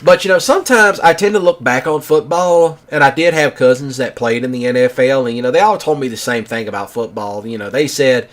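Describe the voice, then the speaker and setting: A man's voice: medium pitch, a little fast, hardly any pauses. Rambling man in his thirties. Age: 30s. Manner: rambling, filler-heavy with many "you know"s. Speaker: gaming channel host. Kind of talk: casual storytelling monologue.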